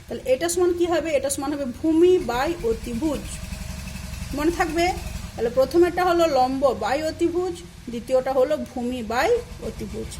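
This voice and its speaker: A woman's voice: sits high, normal speed, a little mellow, slight background noise, low-quality recording. A woman teacher with a Bengali accent giving a recorded math lesson. She is patient, spells out terms letter by letter, and asks questions that she then answers herself. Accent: Bengali, from eastern India. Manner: patient, repeats key terms and spells them out.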